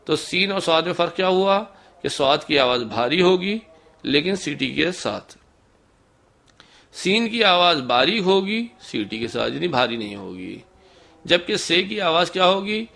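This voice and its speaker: A man gives a recitation lesson in a fairly high voice with a crisp, bright edge. He explains patiently and step by step. He pauses to pronounce each letter slowly as a demonstration. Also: sing-song. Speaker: Quran recitation teacher. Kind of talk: instructional lesson.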